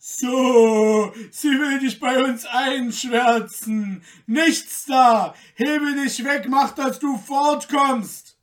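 A woman voicing a band of rough male gate guards who bark loud, mocking commands, recorded from a distance. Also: slow pace. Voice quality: rough, deep-voiced per the tale, shouted. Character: gruff shouting male gate guards, hostile.

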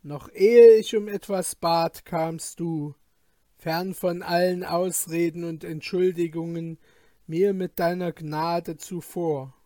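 A storybook reader voicing a joyful male court physician declaiming flattering verses in an effusive way, in a dry recording. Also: mid-range voice, no room sound, natural voice.

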